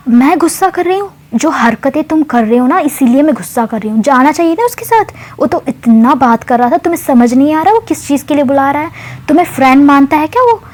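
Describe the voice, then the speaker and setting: Brief: woman voicing a jealous young woman, high voice, accusing and sharp-tongued. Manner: accusing, rising complaints.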